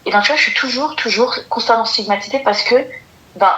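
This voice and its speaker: A woman's voice: on the high side, a little fast, bright, forceful tone. Woman on a call sharing her story, hesitant, keeps repeating herself, dull muffled audio. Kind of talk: casual personal story.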